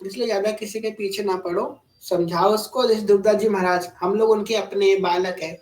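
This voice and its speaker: A woman's voice: mid-range voice, fairly even intonation, a little mellow, recorded from a distance, soft background music. A woman giving a devotional discourse to a gathering, drawing out the verses she recites and putting questions straight to her listeners. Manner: slow, drawn-out recitation of verses, then plain explaining; addresses listeners directly with questions. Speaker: spiritual discourse speaker. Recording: echoey room.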